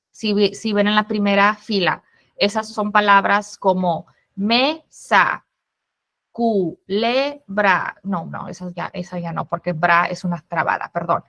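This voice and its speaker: A woman with a mid-range voice gives an online workshop to parents in the manner of a former teacher. She explains step by step and sounds out syllables slowly and clearly. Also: medium pitch, a bit bright.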